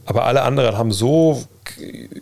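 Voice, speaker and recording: A man hosts a livestream and basketball podcast, casually answering viewers' basketball questions in colloquial speech full of English slang and sports terms. His medium-pitched voice is gravelly and darkish, and he talks a little fast.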